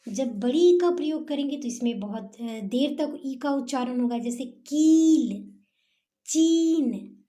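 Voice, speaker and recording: A woman teacher explaining a lesson, sounding out syllables slowly and often checking in with the listener. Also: high voice, mellow. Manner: slow, drawn-out sounding of syllables; repeats okay and checks in with listener.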